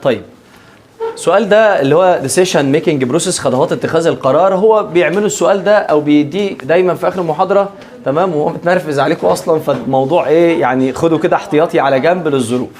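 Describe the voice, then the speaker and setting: A man's voice: fairly high pitch, very fast. A man with an Egyptian accent teaching a class, joking with students and often checking they keep up. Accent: Egyptian Arabic. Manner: lively, joking, keeps checking if students follow. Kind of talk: classroom lecture.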